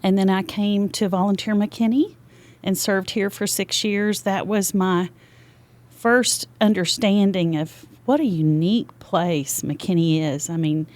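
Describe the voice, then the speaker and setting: An older woman with a Texas accent is a guest on a podcast in a studio, chatting freely and talkatively in a casual interview. Her voice is medium-pitched, unhurried and a little mellow.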